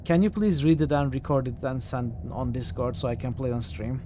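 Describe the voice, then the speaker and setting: A man's voice: medium pitch, a little fast, warm tone, slight background noise. A man chatting casually as he streams a video game. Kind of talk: casual stream chat and reading game text aloud.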